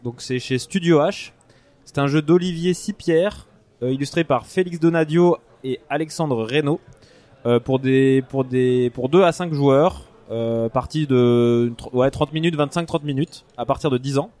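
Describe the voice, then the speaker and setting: A man's voice: medium pitch, a little slow, darkish tone. A man giving a casual board game review as a podcast panelist, searching for his words as he explains.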